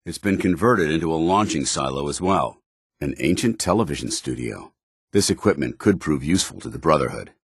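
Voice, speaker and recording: An actor playing a stern, dutiful military paladin in a post-apocalyptic video game, speaking formally with clipped authority. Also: male voice, extremely low pitch, expressive, brisk, slightly rough, no echo, studio quality, full character voice. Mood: vigilant, matter-of-fact. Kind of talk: video game companion dialogue.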